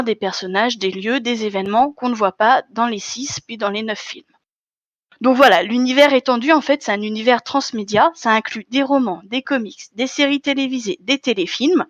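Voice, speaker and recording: A woman's voice: fairly high pitch, fairly bright tone, no room sound, lo-fi sound. A woman giving a conference talk from slides, explaining step by step with fillers and self-corrections. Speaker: conference speaker. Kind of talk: live lecture with slides.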